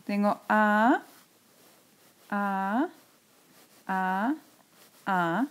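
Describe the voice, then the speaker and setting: A woman teacher talks through a recorded screencast lesson. Her voice sits a little high, and she moves at an unhurried pace. She repeats key terms patiently.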